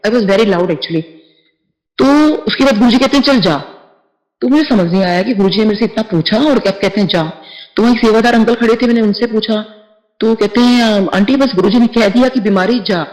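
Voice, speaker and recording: A woman's voice: medium pitch, a little mellow, reverberant, poor audio. A middle-aged woman earnestly telling a devotional testimony, slipping English words into her speech.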